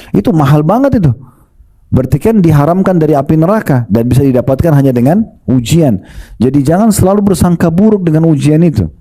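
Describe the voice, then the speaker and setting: Male preacher, very warm mellow voice, lively storytelling sermon to the congregation. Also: on the low side. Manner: lively, retells stories and addresses the congregation.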